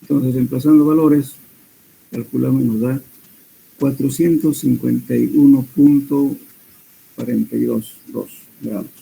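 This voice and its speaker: Hombre de voz grave y rasposa. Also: male voice, medium pitch, measured pace, long pauses, low-quality recording. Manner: steady explanatory teaching with hesitant fillers and self-corrections. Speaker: soil mechanics lecturer. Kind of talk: classroom lecture.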